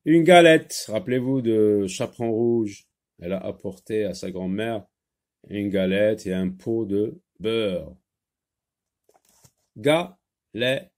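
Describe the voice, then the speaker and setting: Slow, patient male phonics teacher. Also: lowish voice, darkish tone. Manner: slow, patient, repeats words and syllables. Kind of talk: French phonics lesson for children.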